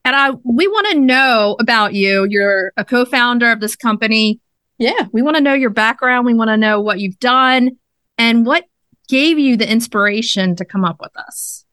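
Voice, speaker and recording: A woman's voice: on the high side, lively intonation, moderate pace, bright, forceful tone, no echo. A woman hosting a podcast interview, upbeat and encouraging as she hands over to her guest. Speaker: podcast host.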